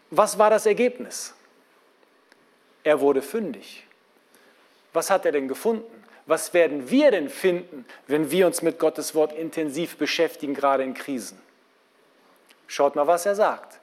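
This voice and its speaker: A man preaching a sermon in a lively, conversational way, asking his listeners questions. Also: a little high, a little slow.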